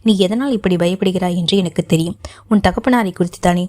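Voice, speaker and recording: A woman narrating an audiobook, voicing an earnest young nobleman who pleads and makes solemn vows in a fairly low voice. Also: brisk, a little mellow, natural voice.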